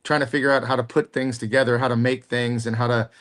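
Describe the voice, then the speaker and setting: A man hosts a podcast interview in a casual way. His voice sits at a middle pitch, and he asks his questions in an upbeat, encouraging manner. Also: level tone, fast talker, fairly bright tone. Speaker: podcast host.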